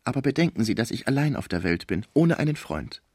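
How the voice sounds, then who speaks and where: A man voicing a lonely, grieving, naive old male musician who speaks softly and pleadingly. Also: medium pitch, sing-song, fast, no room sound, clean studio sound, voice pushed up.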